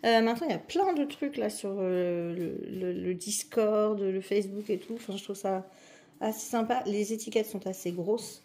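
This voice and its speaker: A woman's voice: mid-range voice, moderate pace, dark tone. A woman chatting casually and eagerly while she unboxes a craft kit, with many fillers and restarts. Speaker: diamond painting vlogger.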